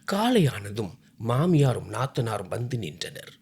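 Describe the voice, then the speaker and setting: A man narrating an emotional first-person family story, moving between hushed and raised delivery. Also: mid-range voice, big pitch swings, measured pace, gravelly, husky.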